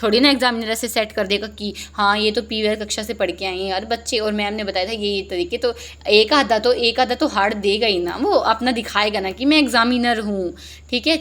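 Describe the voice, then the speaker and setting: A young woman teaching exam vocabulary, joking and lively, reading each answer option slowly before explaining it. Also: mid-range voice. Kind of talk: exam-prep lesson, Hindi mixed with English.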